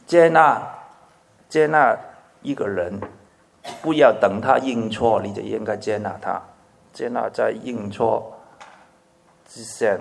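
A man preaching a sermon in an animated way. He swings between loud emphasis and hushed asides, asks his listeners many questions, and drops English words into his speech. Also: lowish voice, takes it slowly, vocal fry, long pauses, a little hiss or hum. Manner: asks the audience frequent rhetorical questions. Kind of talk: sermon to a congregation.

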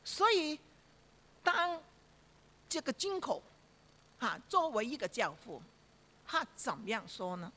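Animated woman preaching a sermon. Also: on the high side, slow, pauses often. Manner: animated storytelling with rhetorical questions to the audience; frequent fillers and repeated phrases.

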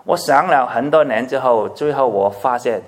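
A man preaching a sermon in an animated way. He swings between loud emphasis and hushed asides, asks his listeners many questions, and drops English words into his speech. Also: mid-range voice, normal speed. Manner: asks the audience frequent rhetorical questions. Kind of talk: sermon to a congregation.

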